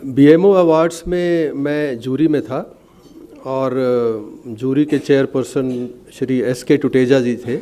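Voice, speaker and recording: A middle-aged man giving a formal speech at an award ceremony, pausing often with fillers. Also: medium pitch, fairly even intonation, mellow. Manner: hesitant, many filler sounds, measured. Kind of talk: formal ceremony speech, Hindi mixed with English.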